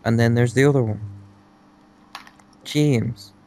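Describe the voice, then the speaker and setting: A man's voice: medium pitch, fairly even intonation, slow, mellow, a little hiss or hum. A young man chatting and laughing with a friend, using casual slang. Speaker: friend co-commentator. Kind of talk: casual chat.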